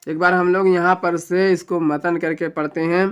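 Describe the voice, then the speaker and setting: Smooth-voiced man teaching Quran reading. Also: sits high, little pitch movement, dull audio. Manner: patient, spells each letter slowly, stretches vowels when reciting. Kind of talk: Quran recitation lesson, spelling out letters.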